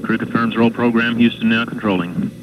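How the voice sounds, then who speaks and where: A man giving clipped launch status reports in a flat, steady, matter-of-fact way, heard over a crackly radio transmission that keeps breaking up. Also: mid-range voice, brisk. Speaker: mission control commentator. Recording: tinny, hissy archival radio feed.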